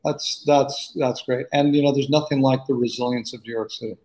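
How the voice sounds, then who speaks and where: An older man hosts a video interview show on a small indoor studio set, upbeat and effusive, often repeating his words when asking questions. His medium-pitched, warm voice is brisk with fairly even intonation, captured on a close studio microphone with roomy echo.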